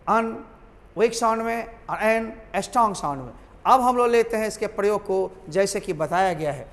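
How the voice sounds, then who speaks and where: A man's voice: high-pitched, big-room sound. A man teaching a grammar lesson to students, repeating key points and calling them his children.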